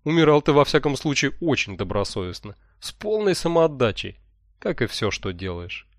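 A man's voice: mid-range voice, big pitch swings, normal speed, no room sound, clean studio sound. A man reading an audiobook who voices a cheerful, smug male sorcerer mentor, talking in a breezy, jovial way. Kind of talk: audiobook character voice.

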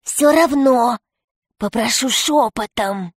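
A woman reading a storybook aloud, voicing a sly male alien pirate who looks like a rat and speaks in a hushed, hissing, secretive way. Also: fairly high pitch, slow, breathy edge, dry recording, clean studio sound, voice pushed up, full character voice.

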